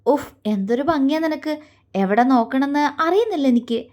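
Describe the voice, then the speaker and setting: Woman reading a mischievous young husband, teasing and affectionate, high voice. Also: lively intonation, moderate pace, darkish tone.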